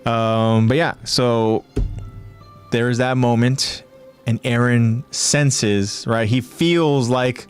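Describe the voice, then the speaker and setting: A man's voice: mid-range voice, fairly even intonation, slow, clean tone, faint music behind. A man co-hosting a podcast in casual chat, rambling and repeating words as he talks through a scene. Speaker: podcast co-host.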